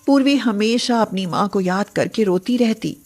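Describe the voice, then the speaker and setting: A woman narrating a moral story in calm, steady scripted narration. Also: medium pitch, normal speed.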